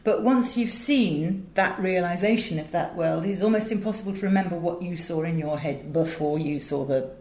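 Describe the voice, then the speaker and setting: A chatty, articulate middle-aged Englishwoman tells stories during a conversational interview, often going off on tangents; she's a voice director and radio producer. Her voice is fairly low and darkish, at normal speed with hardly any pauses. The sound is echoey and roomy.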